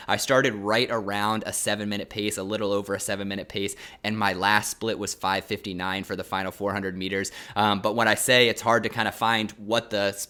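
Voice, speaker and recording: Bright-voiced man giving a running vlog update. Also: fairly low pitch. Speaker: running vlogger. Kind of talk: casual vlog update to camera.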